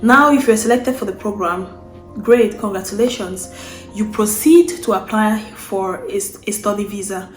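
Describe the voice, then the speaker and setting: A woman's voice: medium pitch, moderate pace, reverberant, soft background music. A young Cameroonian woman, a vlogger, explaining a process in casual unscripted talk, often restarting and repeating phrases as she goes.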